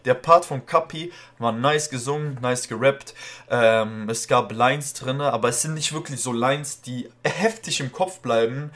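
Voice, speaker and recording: A man with a rolled R, talking in a loose, slangy way as he hosts a music reaction video. His voice sits in an ordinary middle pitch for a man. He keeps coming back to friendly asides to his viewers. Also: a bit bright. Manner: loose slangy talk, often says "Freunde". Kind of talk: casual reaction commentary.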